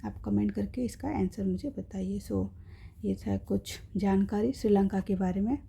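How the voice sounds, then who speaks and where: A woman's voice: mid-range voice, fairly even intonation, normal speed, creaky, warm tone, husky. A woman teaching an exam-prep lesson, explaining step by step in Hindi with English terms and checking in with her viewers.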